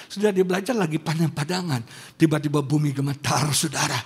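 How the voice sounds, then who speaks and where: A man from West Sumatra, a pastor giving an animated sermon, telling stories with sudden loud outbursts. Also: a little high, brisk, slightly rough. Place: large church hall. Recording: long hall reverb.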